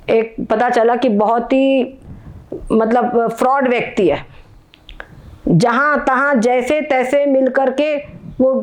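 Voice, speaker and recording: A woman giving a spiritual discourse, explaining patiently and often checking that her listeners follow. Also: a little high. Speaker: spiritual teacher.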